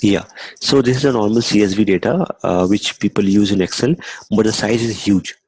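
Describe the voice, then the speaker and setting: A man's voice: fairly low pitch, a little fast, darkish tone, husky, dry recording, low-quality recording. A young man teaching a screen-recorded coding lesson, talking conversationally, adding "okay" often and restarting phrases. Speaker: instructor.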